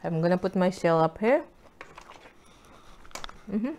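A woman hosting a casual eating vlog, chatty and excited, with drawn-out exclamations between bites. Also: fairly low pitch, a little hiss or hum. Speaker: mukbang vlogger.

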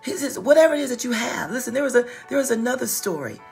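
Her voice sits a little high, quick and sing-song with some vocal fry, as soft music plays behind her. She's a middle-aged pastor giving an informal livestreamed sermon in a small wood-paneled office, slightly stuttering and repeating phrases to drive points home.

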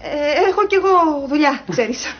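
A woman's voice: high voice, expressive, a little hiss or hum. Evasive, nervous woman. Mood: awkward. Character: evasive young woman, awkward, brushing him off. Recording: dull TV broadcast sound.

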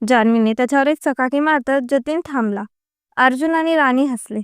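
A woman narrating a story in an even, unhurried reading voice. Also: high-pitched, no room sound, studio quality.

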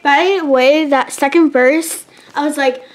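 A woman's voice: sits high, fairly even intonation, unhurried, soft background music, poor audio. A young woman, chatting casually and self-consciously, giggling and breaking into bits of song. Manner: giggly, self-conscious, sings snippets mockingly. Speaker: vlogger reacting to her old singing cover. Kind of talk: casual reaction vlog.

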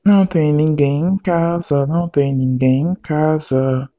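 A flustered, hot-headed young guy, voiced by a man in an amateur voice drama. He curses loudly, then quickly turns polite. The audio is a little muffled and lo-fi. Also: on the high side, steady tone, lightly acted. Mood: irritated.

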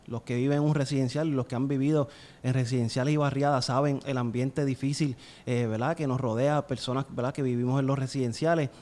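A man in his thirties from Puerto Rico, with a Puerto Rican accent, shares his personal story as an interview guest, speaking earnestly and fluently. His voice is mid-range with a darkish tone. He's recorded in a small indoor studio on a close studio mic mounted on a boom arm.

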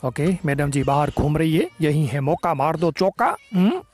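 A young man hosting a gaming channel, giving excited, teasing gameplay commentary full of playful taunts. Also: on the high side, moderate pace, soft background music.

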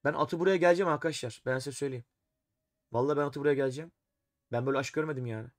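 A man's voice: medium pitch, very fast, dry recording, clean studio sound. Exasperated man streaming live chess. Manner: talks to himself and chat while playing, exasperated.

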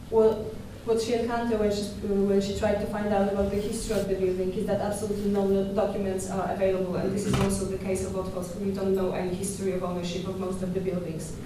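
A young woman curator giving a conference talk at a podium microphone in a dark lecture hall, measured and thoughtful with small hesitations and restarts. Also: mid-range voice, slight background noise. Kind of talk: conference presentation. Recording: echoey hall from far off.

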